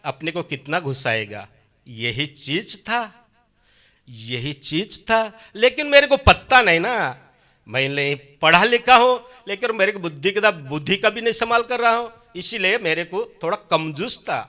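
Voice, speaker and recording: A middle-aged man giving a rambling, emotional personal testimony, swinging from soft to loud. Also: high-pitched, big pitch swings, normal speed. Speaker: church member giving testimony.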